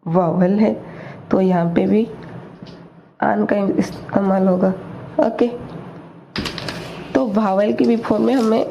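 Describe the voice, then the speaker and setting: A woman teaching English grammar, explaining slowly and repeating each word, asking questions and answering them herself. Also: mid-range voice, steady tone, creaky, dark tone. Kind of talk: slow explanatory lesson in Hindi. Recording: dull lo-fi recording with faint noise.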